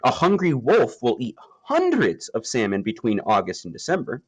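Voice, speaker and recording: A children's nature story is read aloud by a man of medium pitch. He delivers it with emphasis and expression, punctuated by dramatic pauses.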